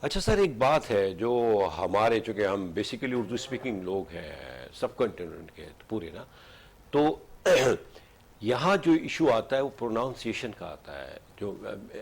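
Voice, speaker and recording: A man's voice: lowish voice, animated, moderate pace, gravelly, slightly rough. A man from Pakistan hosting a studio talk show, asking questions and mixing English phrases into his talk. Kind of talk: studio interview.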